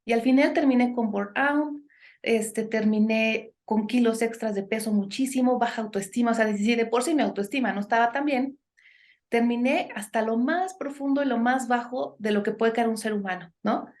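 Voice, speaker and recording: A woman's voice: fairly high pitch, moderate pace, a little mellow. A woman, a guest in a conversational podcast interview, giving earnest advice and often tagging her sentences with questions and "este" fillers. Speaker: guest speaker on impostor syndrome.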